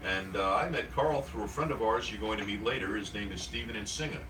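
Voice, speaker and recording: A middle-aged man speaks in a low, bright voice. He reminisces in a folksy, casual way, as if swapping stories, with a little noise behind him. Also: brisk, low-quality recording. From Queens, New York City. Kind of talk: casual storytelling.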